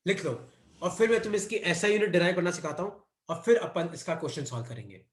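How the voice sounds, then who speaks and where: A man's voice: high-pitched, sing-song, fast, echoey room. Indian man dictating a physics lesson. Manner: repeats dictation cues, mixes Hindi and English. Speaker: physics teacher. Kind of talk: online class lecture.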